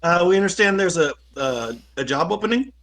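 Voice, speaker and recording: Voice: medium pitch, lively intonation, a little fast, fairly bright tone. A player in a casual tabletop game, easygoing and polite.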